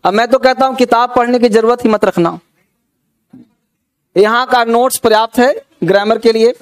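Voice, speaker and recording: A man with a high voice leads a grammar class. He keeps asking whether everyone has understood and urges students to write quickly. His English words carry an Indian accent. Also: smooth. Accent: Indian English words in Hindi. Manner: repeats checks for understanding, coaxing students. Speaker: teacher.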